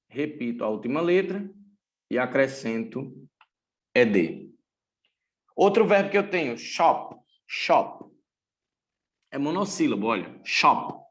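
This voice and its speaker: A mid-range male voice belongs to a teacher from Brazil who explains English grammar in a recorded lesson. He talks in a careful, deliberate way and repeats the important points.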